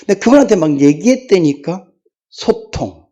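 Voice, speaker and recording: A woman pastor delivers a sermon in a church, her voice mellow and warm. She moves between chatty personal stories, told with a laugh, and rising, emphatic pleas to the congregation. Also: lowish voice, animated, normal speed, muffled recording. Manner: emphatic, pleading preaching that rises into fervent declarations; tells personal anecdotes with laughter. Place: church sanctuary.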